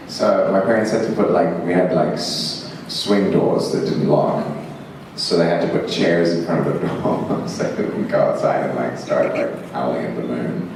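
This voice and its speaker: Deep-voiced man telling stories in an echoey hall. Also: creaky, recorded from a distance, noisy background. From Zimbabwe. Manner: rambling and self-mocking, laughs often, many fillers. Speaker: actor answering fan questions on a panel. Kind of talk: convention Q&A storytelling. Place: large convention hall. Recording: echoey hall, mic heard from afar.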